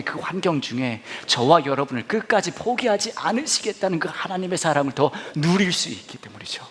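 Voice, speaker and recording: Male pastor, 40s; expressive sermon storyteller, bouncy lively intonation. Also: sits high. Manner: animated, acts out his own reactions and prayers.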